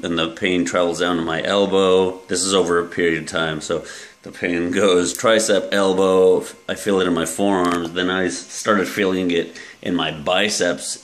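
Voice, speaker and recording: A man in his thirties, a fitness coach, casually walking through his gym bag in a relaxed, rambling way with many fillers, filmed at arm's length in a small room. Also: low-pitched. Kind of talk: casual gear walkthrough vlog. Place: small room with yellow walls, indoors. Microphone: handheld camera at arm's length.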